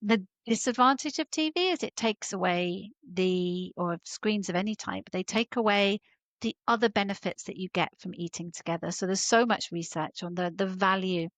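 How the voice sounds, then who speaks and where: A woman guest on a podcast who explains parenting advice calmly and fluently. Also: mid-range voice, normal speed, no echo. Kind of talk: explanatory interview answers.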